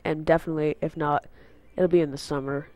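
A fast-talking teenage boy with a slightly high, a little mellow male voice and fairly even intonation rambles through a channel update. He hosts a gaming channel, sounds stuffy from a cold, and is on an unfamiliar headset mic, leaning on fillers and wandering into tangents.

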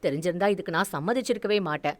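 A woman voicing a gentle, anxious older household woman who pleads and apologises softly. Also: fairly low pitch, fast talker, voice pushed down, lightly acted. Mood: apologetic.

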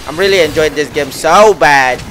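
A man giving live gameplay commentary, excitable and talking to himself, often repeating the same phrase over and over. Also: a little high, normal speed, soft background music.

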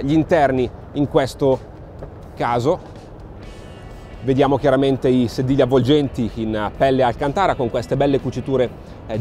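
A man in his thirties presenting cars on an exhibition hall floor, speaking fluently and upbeat, with frequent drawn-out "eh" fillers. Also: mid-range voice, a little mellow. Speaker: motoring presenter. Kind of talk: car show walkaround presentation. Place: large indoor exhibition hall.

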